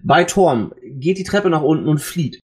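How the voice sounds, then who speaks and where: A man's voice: on the high side, expressive, unhurried, darkish tone. A man playing a tabletop game, earnest and a little hesitant. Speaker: player. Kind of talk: casual tabletop play.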